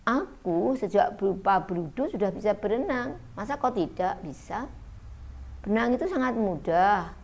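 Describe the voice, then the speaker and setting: A woman voicing a cheerful young male frog in a storybook fable, excited and teasing. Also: medium pitch, moderate pace.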